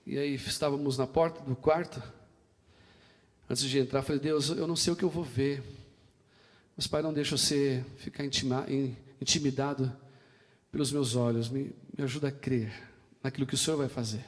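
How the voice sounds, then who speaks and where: A man's voice: medium pitch, fairly even intonation, normal speed. A man preaching a sermon with a Brazilian Portuguese accent, telling stories and acting out their dialogue with passion. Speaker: pastor. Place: church sanctuary. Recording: long hall reverb in a church.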